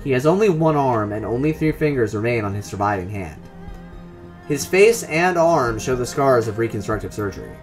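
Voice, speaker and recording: A man's voice: medium pitch, expressive, normal speed, soft background music. A man hosting a game playthrough, reading the game's descriptive text aloud with casual asides. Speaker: let's play host reading game text.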